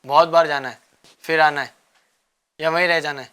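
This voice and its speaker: A man hosting a children's religious show, coaxing the kids with repeated questions and gentle teasing. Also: a little high, steady tone, smooth. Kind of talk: quizzing children in a studio class.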